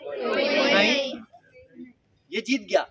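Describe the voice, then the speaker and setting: Over a noisy crowd and heavy background noise, a man with a high voice draws out his words. He is leading a mind-power workshop for school students, an interactive talk where he jokes around and questions the audience.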